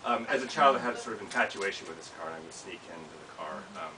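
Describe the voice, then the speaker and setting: With a low voice, lively intonation and rapid-fire speech, an American author in his thirties reads his personal essay live in a small indoor bookshop. Recorded from a camera several feet back, the audio is distant and hissy.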